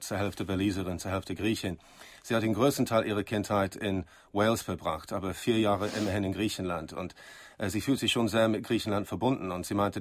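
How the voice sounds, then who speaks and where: On a dry recording, a radio host with a voice on the low side runs a late-night studio show. Through a studio microphone he chats with his guest, recaps what she says in German, and uses leading questions finished off with tags.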